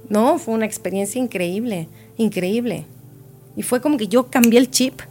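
A woman's voice: on the high side, moderate pace, warm tone, faint music behind. A woman guest in a podcast interview, reflectively telling a personal story and repeating words for emphasis.

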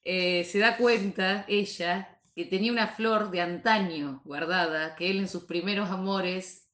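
Mujer de tono medio en sala con eco. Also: female voice, fairly low pitch, a bit bright, echoey room. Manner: earnest, deliberate, with stock formal phrases. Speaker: panelist on a parody radio show. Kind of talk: mock-formal song interpretation.

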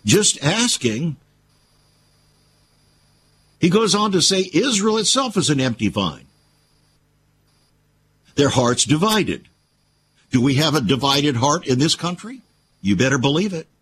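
A man's voice: a little high, very animated, measured pace, pauses often, fairly bright tone, breathy edge. A man hosting a radio show, giving preachy Bible-based commentary full of rhetorical questions.

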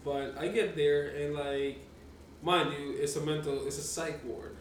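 A man's voice: fairly high pitch, fairly even intonation, a little slow, distant mic. A man telling a story in casual podcast chat, rambling, swearing and laughing often. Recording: echoey room, off-mic, faint noise.

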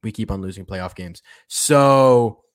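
A man's voice: lowish voice, a little slow. A man hosting a solo sports podcast, ranting about football in an impassioned, repetitive way. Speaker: podcast host.

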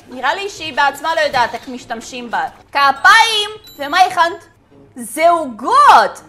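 A woman's voice: extremely high pitch, pushed and bright. A woman giving playful let's-play commentary, chatting to and teasing the characters in her game. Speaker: game narrator.

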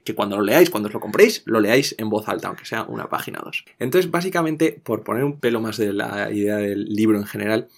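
A man of middling pitch talks through a classic poem for a podcast, animated and lively as he explains. He breaks off and restarts sentences while he thinks. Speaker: literature guest explaining a classic.

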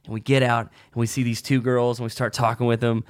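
Quick-talking male comic co-host, spins crude self-mocking anecdotes and mimics voices, recorded dry and close. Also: mid-range voice, no echo. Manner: animated, acts out quoted voices. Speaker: podcast co-host, aspiring comedian. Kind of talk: casual storytelling chat. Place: indoors in a house.

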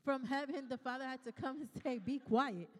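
Woman interpreter, sermon, phrase by phrase, high voice, long reverb. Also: moderate pace. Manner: follows the preacher phrase by phrase, echoing her emphasis. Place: church sanctuary.

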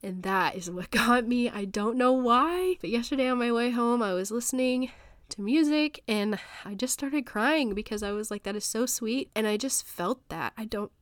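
A woman in her thirties, her voice a little high, talks at a moderate pace on a dry, studio-quality recording. She hosts a faith podcast from her home office, sounding stuffy from a sinus infection, and her talk is earnest, rambling, and encouraging.

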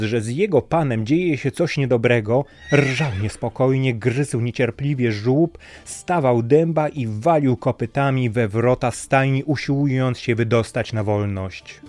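A man's voice: mid-range voice, a little mellow. A man narrating a fairy tale in a dramatic storytelling manner.

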